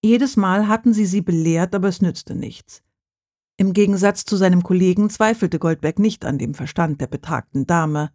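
An audiobook reader narrating a crime novel in a calm, steady way. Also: mid-range voice, moderate pace, dry recording, clean studio sound.

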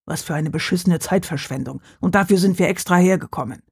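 A blunt, foul-mouthed male village cop, voiced by an audiobook reader, grumbling coarsely in a husky, dry voice. He sounds like a small-town patrolman fed up with the job. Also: medium pitch, fairly quick, no echo.

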